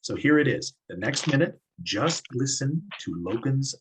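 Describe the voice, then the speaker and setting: A man's voice: mid-range voice, expressive, moderate pace, noisy background. A man teaching public speaking, explaining step by step in an encouraging way. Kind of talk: classroom instruction.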